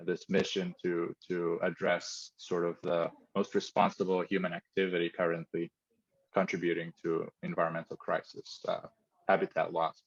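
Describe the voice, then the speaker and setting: A man with a very low voice, from Mozambique, talks through his company's work in a careful, thoughtful way with plenty of fillers. He is heard over a video call, and the sound is dull and muffled. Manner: thoughtful, explanatory, with frequent fillers. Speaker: company founder, interview guest.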